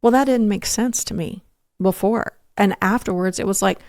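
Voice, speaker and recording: A woman guest on a podcast interview, earnestly telling a faith story, halting with restarts and fillers. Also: medium pitch, a little mellow, no echo, studio quality.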